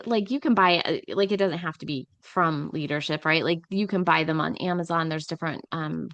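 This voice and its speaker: A woman's voice: fairly low pitch, a bit bright, no echo. A middle-aged woman co-hosting a podcast, rambling casually with lots of "like" and "um". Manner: rambling, filler-heavy, uses many "like"s. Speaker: podcast co-host.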